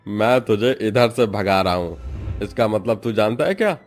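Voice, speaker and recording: A man's voice: lowish voice, expressive, moderate pace, faint music behind, close to an everyday voice. A man voicing a taunting villainous manager. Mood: gloating. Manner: mocking, taunting laughter. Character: scheming male office manager, gloating villain.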